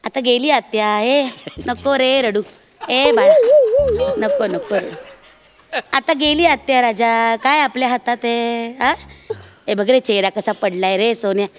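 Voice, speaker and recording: A woman's voice: on the high side, normal speed, background noise. A woman playing a bossy, teasing shopkeeper in a comedy sketch, sometimes switching into Hindi on the phone. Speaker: shopkeeper selling snacks. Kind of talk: Marathi comedy sketch acting.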